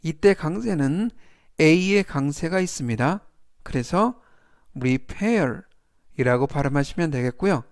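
A man teaching English vocabulary in Korean, saying each English word slowly several times and then explaining it in polite, set phrases. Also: a little high, expressive, no echo, clean studio sound. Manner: formulaic polite lecturing phrases. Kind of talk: slow, deliberate vocabulary lesson.

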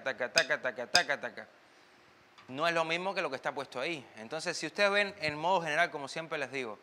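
A man's voice: on the high side, pushed and bright, long reverb tail. A man giving a casual online timbal lesson, chatty and loose, sometimes singing drum patterns aloud while swaying as he talks. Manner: moves and sways while talking. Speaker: timbal teacher.

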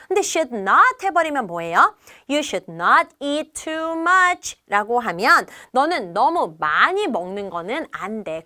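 Lively bright-voiced woman teaching kids. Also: high voice. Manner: slow drilled pronunciation, coaxing questions to kids. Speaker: English teacher for children. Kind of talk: video grammar lesson.

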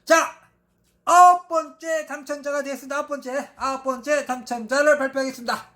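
A channel host making a hyped giveaway announcement, calling out names in a drawn-out, emphatic way. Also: high voice, steady tone, fairly bright tone.

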